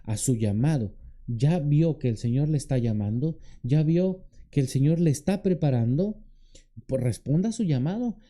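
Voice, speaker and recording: A man's voice: expressive, moderate pace, mellow. A man serving as a deacon, preaching a conversational sermon that often turns to questions for the congregation and acts out quoted lines in a raised voice. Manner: acts out quoted pleading in a higher voice.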